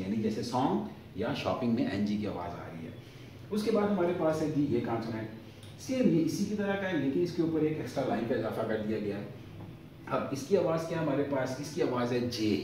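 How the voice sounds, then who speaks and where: A man teaching the alphabet who asks a question and then answers it, slowly drawing out each example word. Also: medium pitch, dark tone. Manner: slow, drawn-out repetition of example words. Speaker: language teacher. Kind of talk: explaining the alphabet. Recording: echoey, from far off, faint noise.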